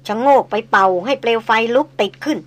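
Woman reading a novel aloud. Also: on the high side. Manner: measured storytelling. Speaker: narrator.

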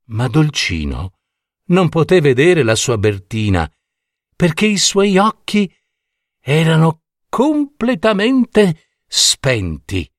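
A man narrating a fairy tale in a slow, expressive storyteller style. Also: fairly high pitch, no room sound, clean studio sound.

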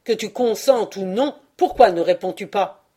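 A woman reading aloud and voicing an arrogant, drunken young lord who speaks in a loud, insulting, domineering way. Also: medium pitch, moderate pace, breathy edge, natural voice. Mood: scornful.

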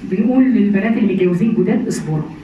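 A woman's voice: mid-range voice, animated, racing, dark tone, lo-fi sound, slight background noise. A woman with an Egyptian accent giving a religious lesson to women, asking her class rhetorical questions. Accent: Egyptian Arabic. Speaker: Quran commentary teacher. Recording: echoey room, distant mic.

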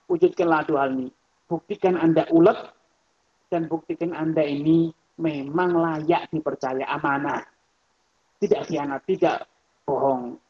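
A man giving a religious study lecture on economics. He talks in a lively, rhetorical way, addresses his listeners directly, and mimics the people he quotes. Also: high voice. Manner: mimics other people's voices when quoting them. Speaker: Islamic scholar and lecturer. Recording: muffled lo-fi lecture recording.

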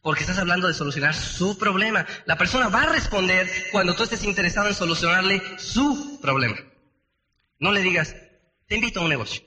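A man's voice: sits high, expressive, brisk, bright, forceful tone. Man speaking in a ringing hall. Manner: acts out both sides of sales dialogues, asks the audience questions. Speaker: business trainer. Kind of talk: live seminar talk. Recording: echoey hall, live talk.

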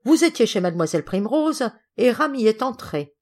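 A woman reading the lines of an anxious, earnest father in an audiobook, pleading and quick to indignation. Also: a little high, sing-song, a little mellow, voice pushed up. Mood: indignant. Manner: pleading, earnest, easily upset. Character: gentle anxious aristocratic father, middle-aged man.

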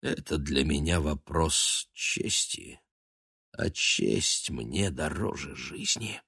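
Brief: male reader as a proud, melancholy house cat; slow, grave delivery with a wide swing in pitch. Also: lively intonation, gravelly, husky, no room sound, studio quality, full character voice. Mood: mournful. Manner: mournful and solemn, bursting into shouts.

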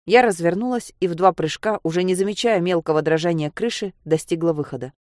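A woman narrates a first-person story in an audiobook style, her voice sitting on the low side. She throws herself into the dialogue, raising her voice for the shouted lines. The recording is dry and close, with no room sound. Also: a little fast, no room sound. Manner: acts out the dialogue with lively shouts.

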